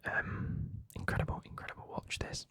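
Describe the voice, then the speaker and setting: A man's voice: normal speed, sharp tone, dry recording, studio quality. A man whispering an ASMR unboxing as host, in a chatty, enthusiastic, informal manner.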